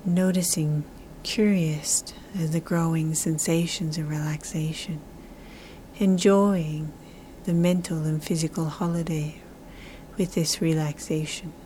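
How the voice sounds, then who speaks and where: A woman guiding a relaxation meditation in a soft, soothing, breathy half-whisper, with slow, drawn-out, repetitive phrasing. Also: low voice, fairly even intonation, slight background noise, low-quality recording. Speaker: relaxation guide.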